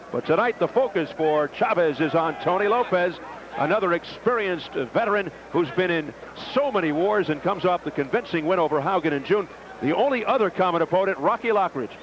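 An American man doing play-by-play sports commentary from ringside as a boxing broadcaster. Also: fairly high pitch. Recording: noisy, dull old TV broadcast tape.

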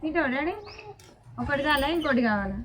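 Chatty Telangana mother, high voice, outdoors. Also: lively intonation, fast, a bit bright, a little hiss or hum. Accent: Telangana Telugu. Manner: chatty, teasing children while feeding them. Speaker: vlogger and mother. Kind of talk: casual vlog chat while cooking. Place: outdoors by a smoky wood fire in the sun.

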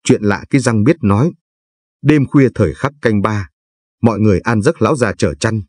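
An older man from Vietnam, a Buddhist lay narrator, reciting scripture and verse in a slow, solemn, chanting way with a husky voice. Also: fairly low pitch, a little mellow, no echo, studio quality.

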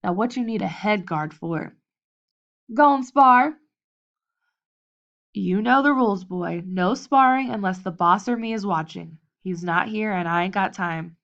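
A woman voicing a wiry, toothless old boxing cutman who talks gruff and blunt, in a lo-fi audiobook recording. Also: medium pitch, normal speed, few pauses, natural voice. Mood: stern. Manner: gruff, blunt, clipped street grammar.

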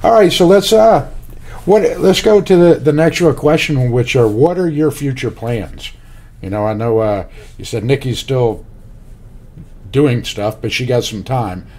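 Relaxed man on a headset. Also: mid-range voice, unhurried. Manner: relaxed, rambling, many uhs. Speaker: podcast host. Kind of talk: video call interview. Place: home room, indoors.

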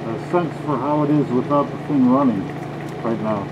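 A man speaking through a full face mask, half yelling and thinking aloud as he tests a product. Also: mid-range voice, normal speed. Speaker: product tester. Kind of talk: casual product test. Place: indoor room with air conditioning. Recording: muffled, with loud air conditioning hum.

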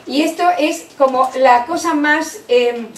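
A woman's voice: high voice, unhurried. A woman giving a conference lecture on children's writing, explaining with many fillers and restarts. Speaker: lecturer on early literacy. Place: conference hall. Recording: echoey hall, distant mic, faint noise.

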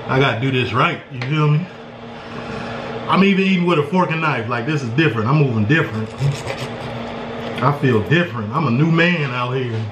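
A thirties-aged American vlog host from Chicago brags casually in slang while chatting excitedly and animatedly in his small home kitchen. His mid-range voice is fairly quick with long pauses, and the camera audio, handheld or on the counter, is muffled, echoey and clearly noisy.

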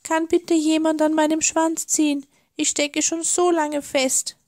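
A tiny, tearful sea creature pleads for help in a high, thin voice, as a woman puts it on. It speaks slowly and shakily in a storybook reading. The sound is close and dry. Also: level tone, a little mellow, no room sound. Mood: pleading. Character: small frightened stuck sea creature, sobbing.

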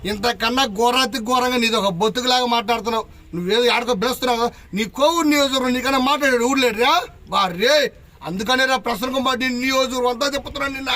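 A man who is a local elected official, furiously shouting insults and challenges at a press conference. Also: very high voice, rapid-fire. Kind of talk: angry press conference tirade. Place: press meeting.

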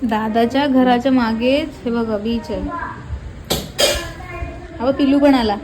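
High-voiced chatty woman. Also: steady tone, a little slow. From Alibag, Maharashtra. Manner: chatty, teasing, playfully scolding. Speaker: vlogger. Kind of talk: casual vlog narration and chat. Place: outdoors in a coastal fishing village. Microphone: handheld phone with headphones. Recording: noisy outdoor phone recording.

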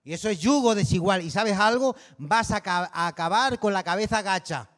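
A man with a Canary Islands accent preaching a sermon, his voice pitched high for a man. He talks to the congregation in a loose, conversational way, full of questions tossed back at them. The sound carries a long hall reverb. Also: normal speed, fairly bright tone. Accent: Canary Islands Spanish. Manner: conversational preaching, peppered with rhetorical tags. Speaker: pastor.

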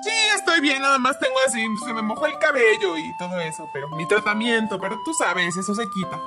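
A woman's voice: mid-range voice, expressive, a little fast, over music, lightly acted. A woman playing a flighty, scatterbrained nanny with a Mexican accent in a video game role-play, dramatic, colloquial and given to repeating herself. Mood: defensive. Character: flighty, excitable young female nanny, vain and scatterbrained.

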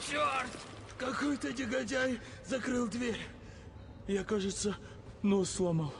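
An actor playing a jumpy, hapless man in a comedy film, plaintive and excitable. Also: extremely high pitch, slow, gravelly, background noise, exaggerated voice. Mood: upset. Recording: film dialogue over loud music.

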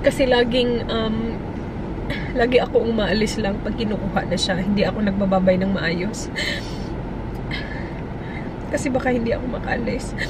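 A woman's voice: medium pitch, normal speed, long pauses. A woman, a mother chatting emotionally in a casual vlog. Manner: emotional, chatty, mixes English and Tagalog. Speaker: mother and vlogger. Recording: loud car and street noise.

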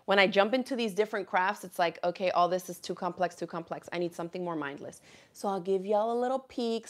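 Viewer comments get read aloud with frequent laughter as a thirties-aged woman from Miami, USA, whose first language is Spanish, runs a casual live craft chat. She hosts a craft channel from a small indoor room with quilts on the wall, at a fixed camera, her mid-range voice chatty and animated.

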